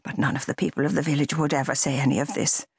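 A woman reading an older village man's lines in a slow, grave and measured way. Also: sits low, flat delivery, creaky, slightly rough, no room sound, studio quality, heavily acted.

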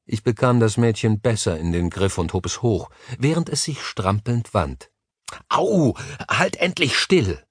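A male audiobook narrator reads at a measured, even pace. His voice sits fairly low, close to the mic in a dead-dry booth. The storytelling is steady and controlled. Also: dry recording. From Germany.

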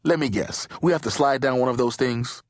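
A man's voice: medium pitch, brisk, dry recording, clean studio sound, pitched above the performer's own voice, close to an everyday voice. Man voicing a jumpy twelve-year-old boy. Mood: wary. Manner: loud and excitable.

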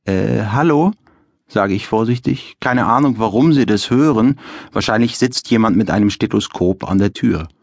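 A man's voice: on the low side, normal speed, no echo. A man reading his own novel as an audiobook in a dry, wry first-person style. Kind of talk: audiobook narration.

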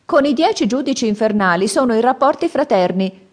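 A woman voicing an old man with a staff who warns and boasts, with high, drawn-out cries. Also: animated, darkish tone. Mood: mocking.

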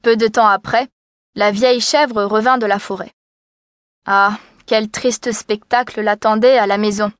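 A woman narrating a children's storybook in a clear, expressive way. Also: medium pitch, measured pace, no echo, clean studio sound. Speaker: audiobook narrator.

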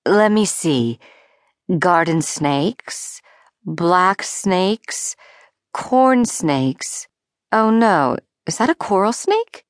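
A woman voicing a calm, unflappable artist mother who speaks in a soft, measured, low tone. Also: dry recording, studio quality.

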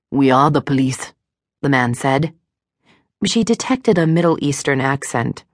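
Low-voiced woman audiobook narrator. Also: no room sound, clean studio sound. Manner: measured, even storytelling. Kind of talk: scripted narration. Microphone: studio microphone.

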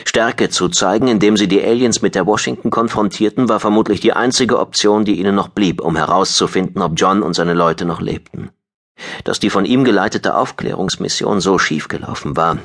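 Male narrator with a very low voice and steady, measured delivery. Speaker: audiobook narrator. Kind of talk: scripted narration.

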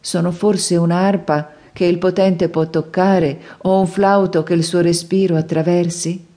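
A woman voicing a male prophet's inner speech in an audiobook, solemn and measured. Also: fairly low pitch, dark tone, natural voice. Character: male prophet, solemn and wistful, departing a city.

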